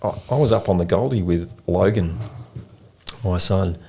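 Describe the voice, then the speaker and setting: Gravelly low-voiced Australian man. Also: moderate pace, slight background noise. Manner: rambling, animated storyteller with slang. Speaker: podcast co-host. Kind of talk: casual storytelling chat. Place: in-person podcast recording.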